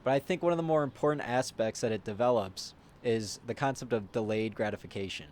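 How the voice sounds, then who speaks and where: Casting: male vlog narrator, mid-range pitch, thoughtful explanatory voice-over. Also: a little fast, a little mellow, a little hiss or hum.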